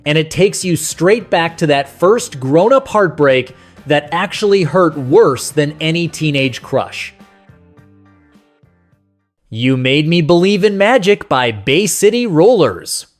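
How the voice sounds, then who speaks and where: Speaking directly to the listener, this host narrates a scripted countdown of nostalgic music. His voice is a little high, and his delivery feels warm, sentimental and conversational.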